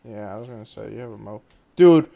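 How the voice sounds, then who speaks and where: A man's voice: on the low side, lively intonation, fast, creaky, dark tone, no room sound. A man hosting a casual multiplayer game session, talking his friends through the controls with lots of "um". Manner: guides the others through the controls, often with "um". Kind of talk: casual gaming chat.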